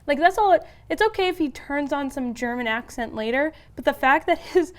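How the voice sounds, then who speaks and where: A young woman with a notably high voice chats casually as a podcast co-host. She picks apart a film in an animated, exasperated way, voice rising when something bugs her. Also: a little fast. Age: young adult. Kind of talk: casual chat.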